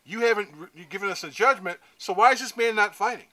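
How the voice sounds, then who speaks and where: A man's voice: sits high, fast talker, bright, forceful tone. A man co-hosting a casual wrestling news show, rambling through the stories and repeating himself. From United States. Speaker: co-host reading wrestling news. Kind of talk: casual news rundown and banter.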